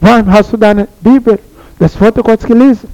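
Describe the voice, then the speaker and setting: A man's voice: high-pitched, steady tone, normal speed, mellow, rough recording. A man preaching a sermon to a congregation, repeating his phrases and putting questions to his listeners.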